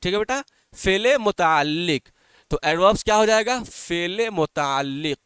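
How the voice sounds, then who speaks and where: A man's voice: sits high, animated, unhurried, a bit bright, smooth, dry recording, studio quality. A male teacher giving an online class, explaining in Hindi-Urdu, often repeating points and asking his students questions. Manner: calls students "beta". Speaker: English teacher.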